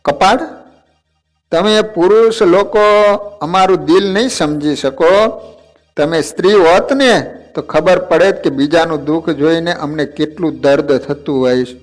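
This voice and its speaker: A man's voice: a little slow, lightly acted. A man voicing an old village woman who scolds affectionately, in a raised voice. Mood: tender. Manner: raised pitch, scolding and pleading.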